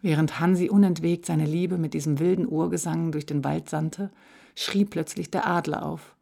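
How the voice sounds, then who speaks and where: A woman narrating a children's storybook in a calm, measured reading voice. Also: low voice, vocal fry.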